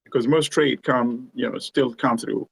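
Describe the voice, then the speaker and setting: A man from Uganda, a guest explaining his points in a measured conversational way, often checking in with "you know" and "right?". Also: medium pitch, steady tone, vocal fry, slightly rough, low-quality recording. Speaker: guest commentator. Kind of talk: conversational discussion.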